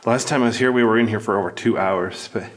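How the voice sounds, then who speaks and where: Filming his own trip with an action camera, a cave explorer gives quick, off-the-cuff narration as he moves through a lava tube. His voice is lowish and fast, and the recording carries a little hiss or hum.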